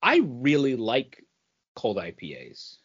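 In a casual podcast chat, the male co-host speaks slowly in a husky, medium-pitched voice whose pitch swoops wildly. The podcast audio is lo-fi and a bit dull.

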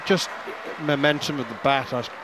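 A man commentating live on cricket ball by ball, in short, halting phrases. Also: medium pitch, steady tone, a crowd in the background. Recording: clear outdoor background noise.

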